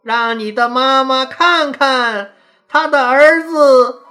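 A woman voicing a sly, smug old male chancellor who talks in a slow, drawn-out, coaxing way. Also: sits high, bright, forceful tone, soft background music, voice pushed up, heavily acted.

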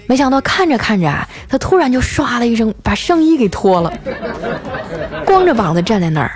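A woman's voice: a little high, a crowd in the background. Chatty woman hosting a comedy podcast. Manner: lively, chatty, drawn-out filler particles. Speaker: podcast host. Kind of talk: scripted comedic storytelling. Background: faint background music.

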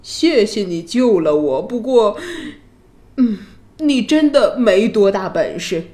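A woman storyteller voicing a proud, quick-tempered young prince in a storybook tale, in an exclaiming, huffy manner. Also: medium pitch, lively intonation, dark tone. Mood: grudging.

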